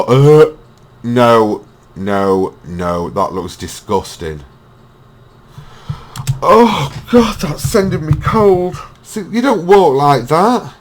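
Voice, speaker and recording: A man hosting a reaction video, mocking and swearing as he rants. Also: mid-range voice. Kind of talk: ranting reaction commentary.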